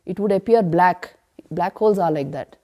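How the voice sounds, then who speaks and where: A woman leads a scripture class at a retreat, and her voice sounds warm and mellow. She asks rhetorical questions and answers them herself with firm emphasis. Now and then she slows down to chant the verses. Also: on the low side. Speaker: spiritual teacher.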